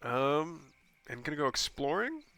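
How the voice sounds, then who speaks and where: Nursing a cold, a man casts a game replay alone, his voice stuffy, scratchy and slightly high, at a measured pace. His casual, rambling commentary is full of ums and self-corrections, broken by sudden excited bursts, and the recording is dry.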